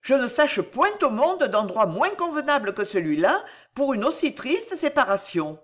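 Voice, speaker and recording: Earnest young heroine, high anxious voice, urgent pleading tone, woman narrator putting her on, storybook. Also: very animated, normal speed. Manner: raised pitch, urgent and pleading. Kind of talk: audiobook character reading.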